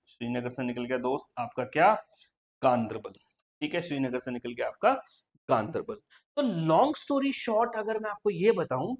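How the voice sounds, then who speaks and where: Man quizzing students in an exam-prep lecture. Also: high-pitched. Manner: repetitive quizzing, keeps saying "okay" and "friend". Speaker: exam coaching teacher.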